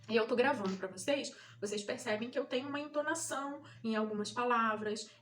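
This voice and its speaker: A Brazilian mother who hosts a channel explains terms to parents in a patient, teaching style. Her voice is fairly high, brisk and a bit bright, and she repeats key points while checking in with "né?" and "tá?".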